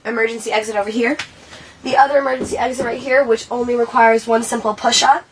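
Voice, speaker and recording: Woman doing a training video walkthrough, highish voice, explaining stuff to camera, kinda distant mic w/ background noise. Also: fairly even intonation, fast. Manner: instructional, explaining and demonstrating to viewers. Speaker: presenter of a school bus safety video. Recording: distant mic, clearly noisy ambience.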